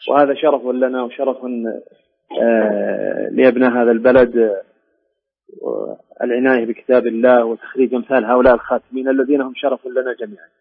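A man gives a formal, courteous interview over a thin, phone-like line. He talks fast in a husky voice of average pitch. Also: fairly even intonation, dry recording. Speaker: interview guest, education department director.

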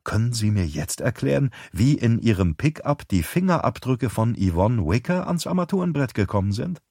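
A man reading an audiobook, voicing a sharp female police detective who asks pointed, needling questions. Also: medium pitch, very animated, normal speed, gravelly, breathy edge, no echo, studio quality, full character voice. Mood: probing.

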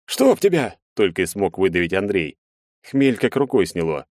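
Low-voiced male audiobook narrator. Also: no echo, clean studio sound. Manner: measured, expressive reading. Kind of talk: first-person audiobook narration.

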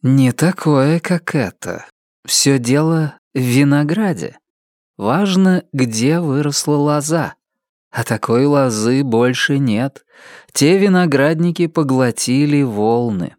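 An ancient angel from an audiobook speaks slowly and solemnly, played by a male reader. His tone is gentle and wistful, a little higher than the narration. The sound is dry and close. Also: animated, no room sound. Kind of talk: audiobook character voice.

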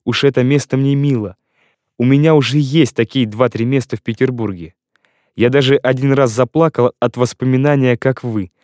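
A man narrating a classic novel in the first person, with ardent and expressive delivery. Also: mid-range voice, normal speed, no room sound, clean studio sound. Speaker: audiobook narrator.

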